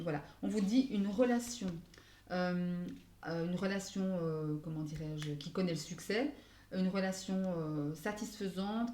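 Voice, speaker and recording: A woman's voice: medium pitch, darkish tone. Hesitant French-speaking woman, echoey room. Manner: hesitant, searching for words with many fillers; mixes in English phrases. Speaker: astrology card reader. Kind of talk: casual spoken tarot guidance.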